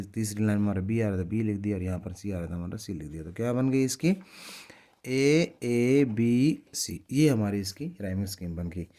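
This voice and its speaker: A man with a mellow, warm voice teaches a class. He explains each point patiently and with much repetition. He reads the poem lines slowly and stretches them out. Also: on the low side. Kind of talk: explaining a lesson in Hindi.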